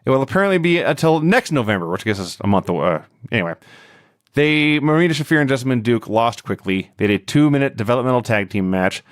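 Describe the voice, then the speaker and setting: A man co-hosting a podcast, recapping in casual chat with a sarcastic, animated manner. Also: mid-range voice, quick pace, no echo, studio quality. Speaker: podcast co-host.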